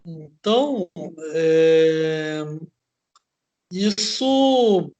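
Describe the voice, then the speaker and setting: A man hosting an interview, explaining at length in a halting way and often tagging his phrases with a questioning "né?". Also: on the high side, animated, darkish tone. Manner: slow, halting, ends phrases with "né?". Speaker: host.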